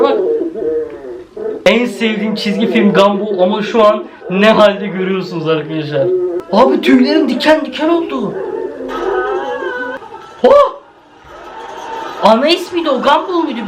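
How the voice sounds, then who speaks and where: A man's voice: extremely high pitch, poor audio. A male YouTuber giving a jumpy horror video reaction, swearing often and talking straight to his viewers.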